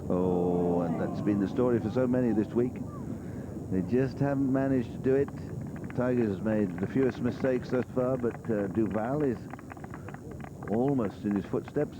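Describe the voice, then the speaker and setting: A man giving live golf commentary in a conversational, reflective way with unhurried asides. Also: mid-range voice. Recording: clear outdoor background noise. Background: outdoor golf course ambience.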